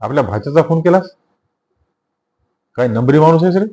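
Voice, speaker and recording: A stern male police inspector from a spoken novel, loud and scornful as he arrests a man, voiced by the man reading the book. His orders come out hard and mocking, the voice of a man used to being obeyed. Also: medium pitch, moderate pace, natural voice.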